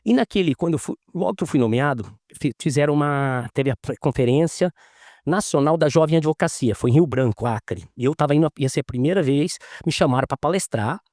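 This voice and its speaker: A man's voice: a little high, fairly quick, dry recording, studio quality. A man, a lawyer being interviewed, telling stories casually and acting out the dialogue as he goes. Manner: animated, acts out quoted dialogue.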